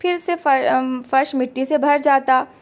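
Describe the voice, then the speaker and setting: A woman reading a family drama aloud as a storyteller, in steady scripted narration. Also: high-pitched, unhurried.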